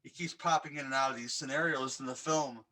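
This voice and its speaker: Man, podcast co-host, bright tense voice, enthusiastic, rambling, casual chat. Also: mid-range voice, fairly quick. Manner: rambling and enthusiastic, many restarts. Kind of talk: casual podcast chat about horror films.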